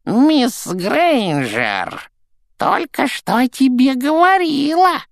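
A man's voice: very high-pitched, very animated, extremely slow, gravelly, dry recording, pitched above the performer's own voice, heavily acted. A man doing a jeering, hissing poltergeist. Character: sneering mischievous male poltergeist.

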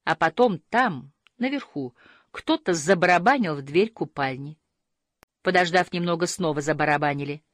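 A woman narrating a storybook in a gentle, measured reading that slows at quiet moments. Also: fairly low pitch, lively intonation, no room sound, studio quality.

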